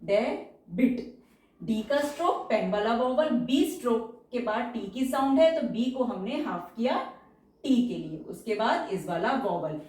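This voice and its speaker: A woman's voice: fairly high pitch, lively intonation, normal speed, darkish tone, heavy reverb, far from the mic. A woman teaching shorthand in a patient, step-by-step tutorial, repeating each example word as she goes. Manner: patient, explains each stroke and repeats words.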